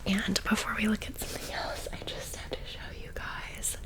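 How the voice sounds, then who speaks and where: A woman chatting casually in an excited, gushing whisper for an ASMR video, with playful slang. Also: medium pitch, normal speed. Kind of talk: whispered ASMR merch haul chat.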